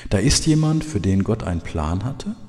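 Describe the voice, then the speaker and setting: A man's voice: fairly low pitch, very animated, moderate pace, dark tone. A man preaching a sermon as a church leader, earnest and building to emphatic peaks. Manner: earnest, rising to emphatic outbursts. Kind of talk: sermon with Bible readings. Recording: long hall reverb, faint background music.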